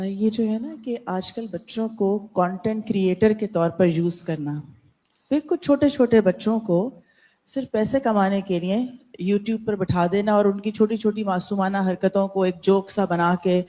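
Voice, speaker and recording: A woman's voice: medium pitch, warm tone. A woman in a class giving critical, earnest commentary. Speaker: class participant. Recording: echoey room.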